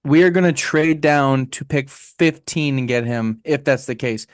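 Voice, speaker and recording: A man's voice: medium pitch, clear, resonant tone, dry recording. Man, podcast co-host, casual betting banter, jokey, dry close mic. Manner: joking, quick banter, mock auctioneer patter. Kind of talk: casual sports betting chat.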